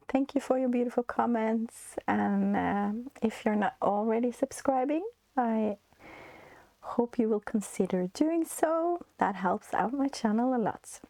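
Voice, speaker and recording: A Norwegian woman in her forties hosts a knitting vlog, chatting casually in a stuffy, congested, medium-pitched voice with vocal fry. She's hesitant, using many fillers and soft laughs, and there's no echo.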